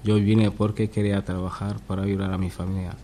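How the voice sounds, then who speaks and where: Deep, flat-voiced man. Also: brisk, a little hiss or hum. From Senegal. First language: Serer. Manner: simple sentences with small slips and restarts. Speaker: adult student on a school radio show. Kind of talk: reading a prepared personal text on radio.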